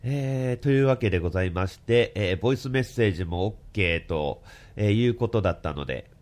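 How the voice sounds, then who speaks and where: A man speaks in a low voice blocked by a stuffy nose from hay fever. He records a polite, formal message of congratulations, moving along in short phrases joined by set filler expressions. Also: animated, fast talker, darkish tone, a little hiss or hum. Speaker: listener leaving a voice message.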